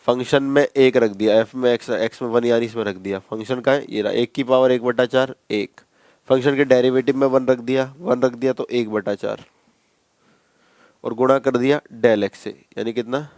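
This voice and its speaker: Calling his students bhai, a man teaches maths in a relaxed, conversational lecture, going over each step more than once. His medium-pitched voice is steady and darkish, at normal speed, with no room sound.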